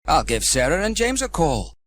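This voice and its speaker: A man's voice: on the high side, sing-song, normal speed, a bit bright, voice pushed up. A man voicing a cheerful, confident young village fireman in a children's storybook, chirpy and hearty.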